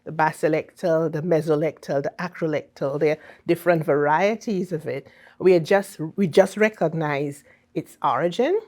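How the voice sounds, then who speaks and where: A woman's voice: sits low, normal speed, a little mellow. A woman from Saint Vincent and the Grenadines with a Vincentian accent, explaining things in an interview in an emphatic, teacherly way with frequent checking tags. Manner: teacherly, emphatic, often checks with "okay?" and "right?". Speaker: ambassador being interviewed.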